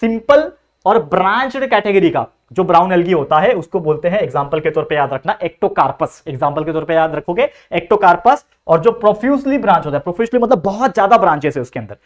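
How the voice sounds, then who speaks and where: Young male tutor, brisk and high-pitched, lecturing and answering his own questions. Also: expressive. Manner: asks rhetorical questions and answers them himself; mixes English terms into Hindi explanations. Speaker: biology tutor. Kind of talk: classroom lecture.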